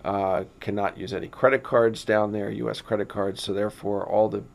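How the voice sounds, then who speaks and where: Low, gravelly man. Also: flat delivery, a little fast, darkish tone. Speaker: guest scientist. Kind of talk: casual explanatory interview talk.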